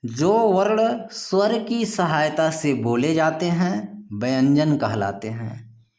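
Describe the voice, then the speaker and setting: Man, teacher, grammar lesson, unhurried, slightly raised pitch, patient. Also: expressive, darkish tone. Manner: slow, patient explaining with repeated reminders to pay attention.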